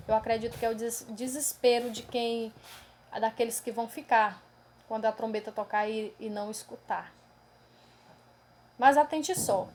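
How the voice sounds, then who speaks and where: Woman preacher, earnest testimony style, somewhat high voice, soft hiss under it. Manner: earnest and emotional, addresses listeners as brothers; tags many phrases with a questioning aside. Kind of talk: testimony of a dream vision.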